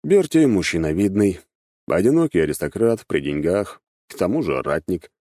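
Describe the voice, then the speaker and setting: A male audiobook narrator with a very deep, dark voice, telling the story in a measured and wry way. The sound is close and dry, with no room around it. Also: big pitch swings, no room sound.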